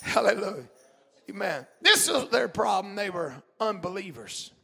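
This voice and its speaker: A man preaching a sermon in a church, fervent and shouting in bursts, punctuated with amens and hallelujahs. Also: high voice, very animated, normal speed, vocal fry, slightly rough.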